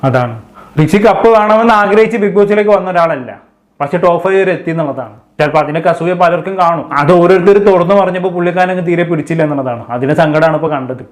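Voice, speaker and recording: Man recapping a reality show, very fast talker, slightly high voice, chatty. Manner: chatty, addresses viewers as kids. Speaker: show commentator. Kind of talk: casual recap commentary.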